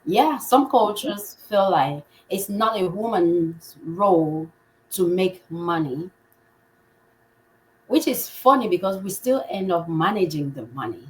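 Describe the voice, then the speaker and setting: A woman's voice: on the low side, lively intonation, takes it slowly, rough recording. A woman hosting a live podcast, upbeat and welcoming, now and then restarting her words. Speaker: podcast host.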